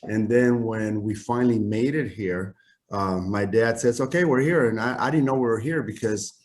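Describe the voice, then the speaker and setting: A man's voice: lowish voice, normal speed, a little mellow. A man in his fifties from Chile, a native Spanish speaker, telling his life story in a casual video-call interview, rambling with many fillers and restarts. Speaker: guest, custom clothing company founder.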